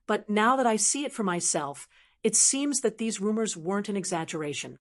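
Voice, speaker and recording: A woman voicing a playful, sharp-tongued young woman who mocks her rival, in an audiobook. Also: medium pitch, expressive, normal speed, lightly acted. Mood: mocking. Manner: whimsical, cynically teasing. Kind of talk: audiobook narration of dialogue.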